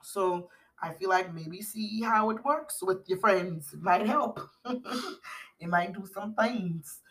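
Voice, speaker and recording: A woman's voice: mid-range voice, slow pace, a bit bright. A middle-aged woman co-hosting a podcast in casual chat, rambling with fillers and restarts. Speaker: podcast co-host.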